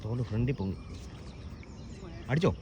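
A man's voice: mid-range voice, lively intonation, normal speed. A man with a Kerala Malayalam accent chatting casually outdoors, exclaiming and repeating short phrases. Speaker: fishing companion. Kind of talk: casual chat on a fishing trip. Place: outdoors on a river by a boat. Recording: noisy outdoor ambience, boat and water.

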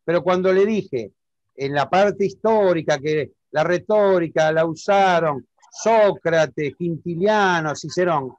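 A man's voice: on the high side, takes it slowly, dry recording, highs cut off. A man with an Argentine accent teaching public speaking in an online lesson, explaining step by step and often checking that the listener understands. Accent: Argentine Spanish.

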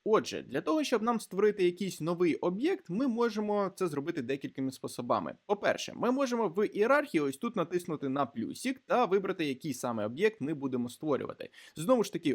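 A man teaching a screen-recorded programming tutorial, explaining step by step with hesitant fillers and restarts. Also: fairly high pitch. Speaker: programming instructor.

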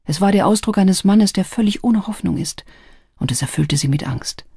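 A woman narrating an audiobook in calm, scripted storytelling. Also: mid-range voice, moderate pace, creaky, breathy edge, no echo. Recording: dry close studio sound.

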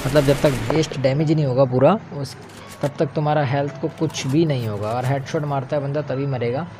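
A man's voice: mid-range voice, background noise. A young man giving casual, slangy commentary over his own gameplay as a gaming channel host, chatting to viewers like friends. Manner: chatty, slangy, keeps calling viewers brother.

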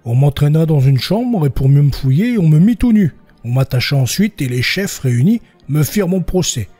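Podcast narrator, male, husky and mellow, reads historical testimony, a faint music bed underneath. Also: animated, normal speed. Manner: reads quoted villagers with raised pitch, slips and restarts. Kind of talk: reading historical court testimony aloud.

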